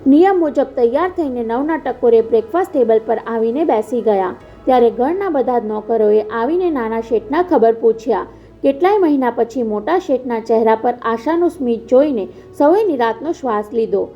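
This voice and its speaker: A woman narrating a novel chapter as an audiobook in a steady storytelling read. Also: fairly high pitch, moderate pace. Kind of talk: scripted narration. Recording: dull lo-fi with faint music.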